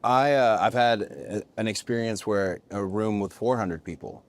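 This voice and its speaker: Host: earnest deep-voiced man, stops and restarts often, casual talk. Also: normal speed. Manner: earnest, stumbling restarts, gets emotional. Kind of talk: casual interview chat.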